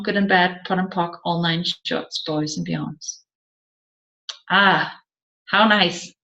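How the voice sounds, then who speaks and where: A woman with a mid-range voice, pushed and bright, reads out a self-help seminar along with its question-and-answer dialogue. The recording has room echo and a slightly dull, lo-fi character.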